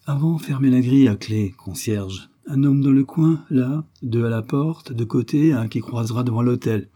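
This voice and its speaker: A man's voice: mid-range voice, moderate pace, mellow, voice pushed up, lightly acted. A man voicing a pompous, blustering police commissioner who barks orders in a raised voice. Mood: commanding. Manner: bossy, repeats "no doubt about it".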